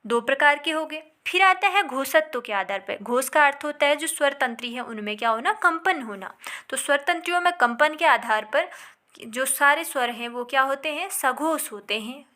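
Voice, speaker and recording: A woman teaching a lesson, who asks the class questions and answers them herself, and draws out vowel sounds slowly as examples. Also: high-pitched, lively intonation, sharp tone. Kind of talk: classroom lecture.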